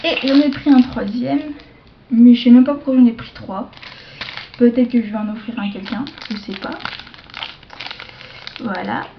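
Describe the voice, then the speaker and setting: A woman showing off a shopping haul to her viewers in a casual show-and-tell, hesitant, with many fillers and self-corrections, slipping into soft asides. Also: fairly high pitch, steady tone, noisy background. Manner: slow, chatty, drops into soft asides. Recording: dull lo-fi home video sound.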